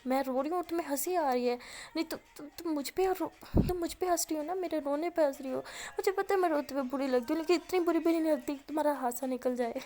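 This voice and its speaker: A woman voicing a young woman who is emotional and scolds her love, her voice rising in pitch. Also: fast talker, dark tone, natural voice. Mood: hurt.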